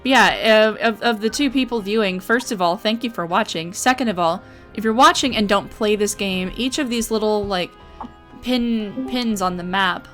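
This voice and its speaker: Young woman streamer with a middle-pitched voice, chatty and upbeat, faint game music under her. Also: moderate pace, fairly bright tone. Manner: chatty, upbeat, lots of fillers and affirmations. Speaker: livestream host. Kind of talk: casual livestream chat while playing.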